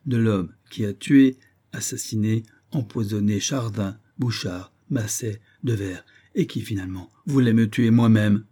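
A man reading an audiobook, voicing an excitable eccentric sleuth who talks theatrically, like a street hawker. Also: on the low side, measured pace, slightly rough. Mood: fervent. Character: excitable eccentric middle-aged male sleuth.

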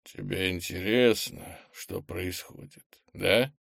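A man voicing an old blacksmith possessed by a soul-eating monster, speaking in a strange, distorted, alien voice that creaks slowly. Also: deep voice, a bit bright, dry recording, clean studio sound, exaggerated voice. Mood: taunting. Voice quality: creaking, slow and drawn-out. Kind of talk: audiobook character voice.

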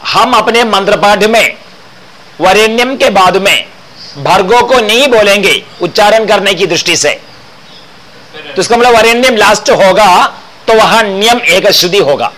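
Slow high-voiced guy teaching chant, sings a line then explains it step by step. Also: pushed and bright, rough recording.

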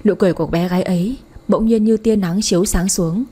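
A woman narrating a romance story for an audiobook in a soft, emotive storytelling manner. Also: medium pitch, fairly even intonation, quick pace, breathy edge.

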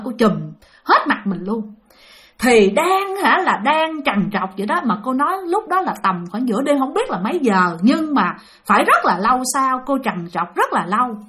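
A woman's voice: sits high, fairly bright tone. A woman telling a spooky story to her listeners, dramatic and talking straight to them, her pace rising and falling. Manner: dramatic, speeds up and slows down, addresses listeners directly. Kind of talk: spoken ghost story told to an audience.

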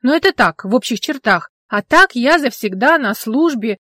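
A woman voicing a young, blunt but good-natured village policeman with folksy, steady talk. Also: on the high side, normal speed, no echo, studio quality, pitched above the performer's own voice. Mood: defensive. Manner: plain-spoken folksy talk, calm and steady.

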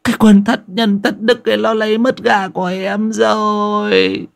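A man voicing a loud, self-pitying old village woman who screeches curses and wails. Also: high-pitched, expressive, measured pace, vocal fry, voice pushed up, exaggerated voice. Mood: wailing lament. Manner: screeching, cursing and wailing.

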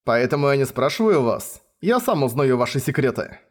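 A scheming young spy, read by a man, speaks with calm amusement and easy confidence. He sounds pleased with himself, as in a fantasy audiobook reading. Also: mid-range voice, normal speed. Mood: gleeful.

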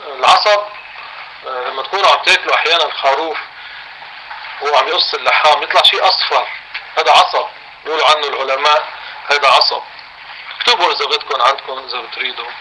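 A Levantine-accented man teaching a religious class in a raised, very bright and piercing voice. He reads out a text slowly, then explains it plainly and questions his students. A faint hiss sits under his voice. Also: fairly high pitch, poor audio. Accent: Levantine Arabic.

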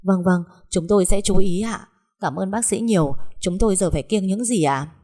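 A woman voicing a hot-tempered peasant woman, an older sister who shouts coarse threats. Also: medium pitch, moderate pace, close to an everyday voice. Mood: anxious, polite.

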